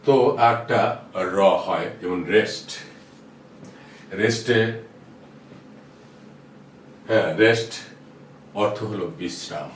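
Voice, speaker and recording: A man's voice: fairly low pitch, a little slow, long pauses. A man explaining how English letters are pronounced, patiently repeating example words. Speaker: English teacher. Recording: roomy echo, distant mic, faint noise.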